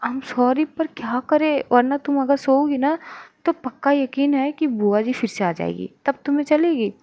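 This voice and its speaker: A patient young girlfriend who keeps calming her partner down, as a woman voices her. She coaxes and placates in a fairly high voice. The audio is dry and slightly dull. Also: normal speed, dry recording. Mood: coaxing. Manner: coaxing, placating.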